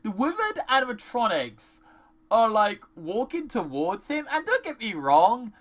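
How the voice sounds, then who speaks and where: A reviewer talks through a horror film in a casual vlog, exasperated and swearing freely, with plenty of "like" fillers. The voice is bright and lively, and the pitch swings widely as the rant builds. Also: measured pace. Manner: ranting, exasperated, swears often; many "like" fillers. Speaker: movie reviewer.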